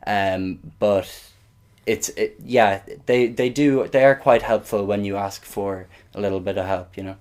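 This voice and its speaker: A man's voice: lowish voice, fairly even intonation, measured pace, darkish tone, clean tone. A young man from Galway with a west of Ireland accent, chatting casually and a little hesitantly as a podcast guest. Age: young adult. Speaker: interview guest, exchange student.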